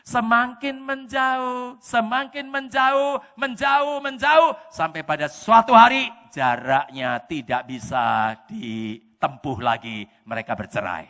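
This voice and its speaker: A male pastor preaching in a church with a Javanese-inflected Indonesian accent. His voice sits high and bright, swinging widely from hushed asides to sudden shouts. The sound carries a long echo of a church hall. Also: takes it slowly, hardly any pauses. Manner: animated, bursts into shouting, mixes in Javanese words. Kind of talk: lively preaching sermon. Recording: echoey church hall reverb.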